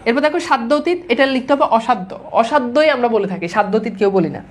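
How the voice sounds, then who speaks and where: Fast-talking woman drilling grammar rules. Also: a little high, lively intonation. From Bangladesh. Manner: brisk and repetitive, drilling wrong and right forms; mixes English words into speech. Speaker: Bengali grammar teacher. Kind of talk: classroom-style lecture to exam students.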